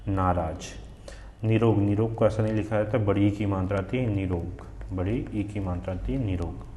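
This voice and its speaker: A Hindi teacher from Chhattisgarh with a regional accent drills exam spellings, asking questions and answering them himself. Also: male voice, on the low side, steady tone, a little fast, warm tone, roomy sound, a little hiss or hum. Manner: repetitive drilling, asks then answers himself. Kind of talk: spelling lesson for exam students.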